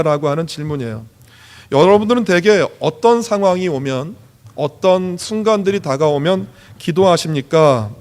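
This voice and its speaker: A male pastor preaches in a high, ringing voice. He addresses the congregation directly and earnestly, with a loud, high-toned delivery. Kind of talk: sermon.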